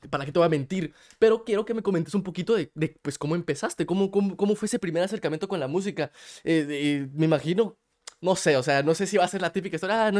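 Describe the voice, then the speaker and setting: A man from Guatemala with a Guatemalan Spanish accent, hosting a casual interview in a chatty, playful way with many restarts. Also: fairly high pitch. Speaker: interviewer host.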